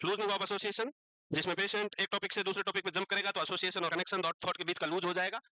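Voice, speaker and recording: Male teacher, high bright voice and a dry sound, lecturing a class with a teasing call-and-response habit. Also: level tone, fast, no room sound, rough recording. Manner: teasing, asks the class questions and repeats answers.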